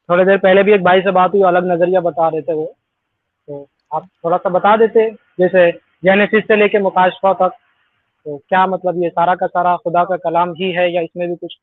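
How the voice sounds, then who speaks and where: A man's voice: high voice, level tone, no echo. A man calling into a live debate, persistent and repeating his questions. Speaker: caller in a debate. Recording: tinny phone-line call.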